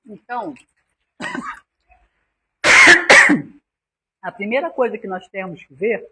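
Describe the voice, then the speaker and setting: A woman's voice: mid-range voice, very animated, takes it slowly, bright, forceful tone, breathy edge. A woman with a Brazilian accent giving a spiritual lecture on forgiveness, earnest and acting out little scenes in quoted voices. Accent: Brazilian Portuguese.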